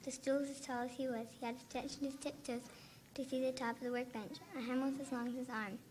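A woman reading a storybook aloud on stage at a school program in a church hall, steady and careful. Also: high voice, fast talker, a little hiss or hum. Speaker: student narrator.

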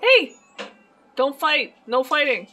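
A woman vlogging at home, chatting casually to the camera and cooing baby talk at her dogs and cats, swinging between soft and loud. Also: a little high, normal speed, over music. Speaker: vlogger and pet owner. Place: home, indoors.

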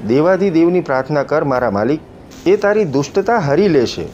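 A man voicing a devoted young woman slave who speaks in a soft, imploring, devout way, in an audiobook reading. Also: a little high, lively intonation, fairly quick, a little hiss or hum, natural voice. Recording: muffled audiobook recording with faint music.

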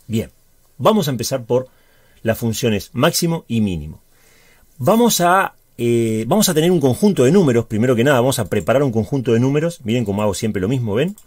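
Male teacher, Uruguayan Spanish accent, mid-pitched, step-by-step tutorial delivery, dry recording. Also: sing-song, a little fast, a little mellow, husky, no echo. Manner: chatty, explains step by step with frequent check-ins. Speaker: high school teacher. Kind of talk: spreadsheet tutorial.

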